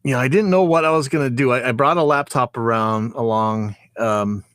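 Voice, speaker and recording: A man's voice: mid-range voice, fairly quick, a bit bright, clear, resonant tone, no room sound, clean studio sound. A man chatting casually and telling anecdotes like a recording engineer, rambling and repeating phrases as he goes. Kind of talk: casual chat, anecdotal storytelling.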